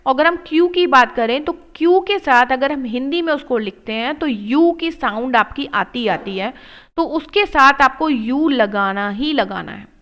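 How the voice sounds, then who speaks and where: A woman's voice: sits high, animated, a bit bright, low-quality recording. A woman teaching an English reading lesson, drilling words one at a time and explaining in Hindi mixed with English. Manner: slow word-by-word drilling, mixing Hindi and English.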